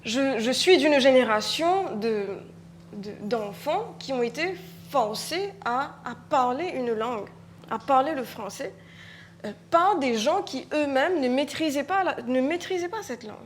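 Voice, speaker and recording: With a lively intonation and a voice sitting a little high, the Mauritian writer talks at a live conference panel in her Mauritian French accent. She is reflective and halting, often restarting and repeating words, and a faint hiss lies beneath her voice.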